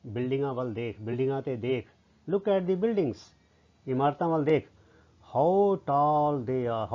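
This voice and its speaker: Punjabi-accented man teaching children. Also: mid-range voice. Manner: explains word by word, asks pupils questions. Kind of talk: lesson explanation for children. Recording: slightly dull lo-fi audio.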